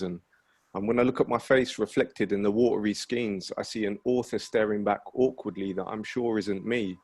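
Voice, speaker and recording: A man who is a nervous spoken word poet at an online open mic, speaking in a slightly husky voice. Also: fairly low pitch, a little mellow. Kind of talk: spoken word poetry and casual chat between poems. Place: online virtual open mic over video call.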